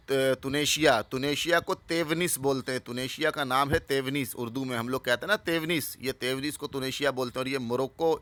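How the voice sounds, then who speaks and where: A man with a bright, forceful voice talks earnestly and urges his audience on. He names one item after another and adds a short comment to each. The sound is close and dry, with no room echo. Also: medium pitch. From Pakistan. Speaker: religious channel host. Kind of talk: informal explanatory talk.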